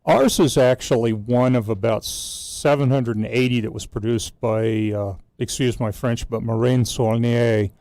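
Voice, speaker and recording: A man's voice: medium pitch, steady tone, unhurried, hardly any pauses, mellow, dry recording. A man on a radio show explaining historic aircraft in a precise, informative way. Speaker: museum guide explaining aircraft. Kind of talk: casual talk radio chat.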